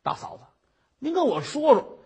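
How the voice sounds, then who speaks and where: A man's voice: very high voice, huge pitch swings, moderate pace, darkish tone, pitched above the performer's own voice, full character voice. A man voicing a kind-hearted male beggar who coaxes and asks politely. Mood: coaxing. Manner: polite, coaxing.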